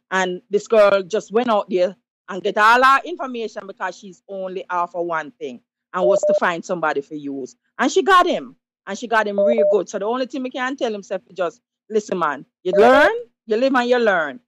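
A woman's voice: medium pitch, animated, brisk, dry recording, highs cut off. A Jamaican woman calling in to a talk show, giving emphatic, preachy advice in patois. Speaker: caller. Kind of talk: call-in radio commentary.

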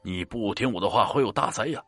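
A man's voice: on the low side, fast, fairly bright tone, slightly rough, dry recording, soft background music. A man voicing a stubborn, insistent older male fortune-teller in a spoken ghost story. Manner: urgent, insistent.

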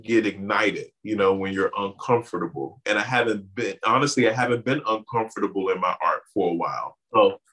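The audio is poor, and this lowish-voiced man talks briskly with few pauses. Born in the Bahamas and raised in Miami, he is an artist and community organizer who tells stories animatedly as an interview guest, peppering them with "you know."

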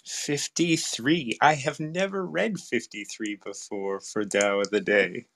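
A man's voice: on the low side, very animated, a little slow, vocal fry, fairly bright tone. A man hosting a casual spiritual chat, talking in a rambling, reflective way with frequent restarts. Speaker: host.

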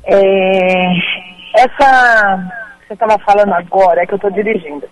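A woman phones in to a radio program while she drives, and her voice comes through the phone line. She talks in a chatty, affectionate way. Her pitch sits in an ordinary middle range. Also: normal speed. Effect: heard over the phone. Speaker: radio call-in listener. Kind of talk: casual call-in chat. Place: in a car, driving.

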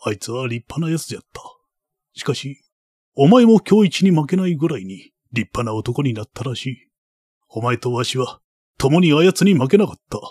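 A man voicing an old baron who is gentle and grieving and speaks in an old-fashioned way. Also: sing-song, moderate pace, husky, dry recording, clean studio sound. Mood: sorrowful. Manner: soft, low, old-fashioned phrasing.

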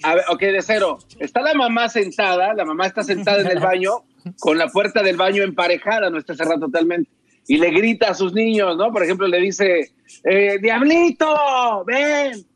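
Dude rambling on a radio comedy show, high voice, dry sound. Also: male voice, fairly quick, fairly bright tone, dry recording. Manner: rambling, storytelling.

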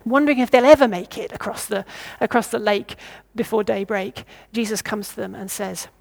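A woman's voice: medium pitch, fairly even intonation, a little fast, creaky, darkish tone. A woman preaching a sermon, thinking aloud, putting questions to her listeners and sometimes stumbling over her words. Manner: reflective, asks the listeners questions.

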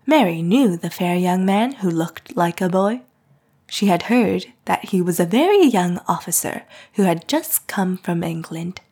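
A woman reads a classic novel aloud in a soft, hushed voice. Her tone is breathy and fairly low, and she takes her time over each phrase. Faint music plays underneath. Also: lively intonation, measured pace. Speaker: audiobook narrator. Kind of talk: scripted narration of a classic novel.

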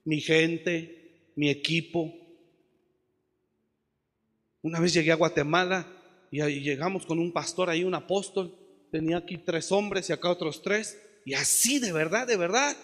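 High, bright-voiced preacher. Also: male voice, moderate pace, long reverb tail. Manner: impassioned preaching, swings from shouts to soft asides. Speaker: pastor. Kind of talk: sermon.

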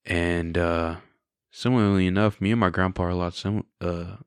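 His voice is deep, smooth and steady, moving at a moderate pace, recorded at studio quality without room sound. The twenty-something man relates his testimony as an easygoing story, candid and reflective, leaning on "you know" and "right?" throughout.

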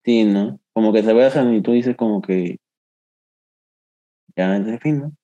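A young man co-hosting a podcast, chatting casually in an animated, jokey, direct way. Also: fairly low pitch, measured pace, highs cut off. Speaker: podcast co-host. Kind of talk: casual chat.

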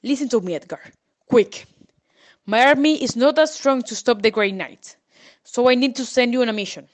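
A woman's voice: fairly high pitch, normal speed, close to an everyday voice. A woman reading as a stern wise old lord. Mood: serious. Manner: serious, commanding.

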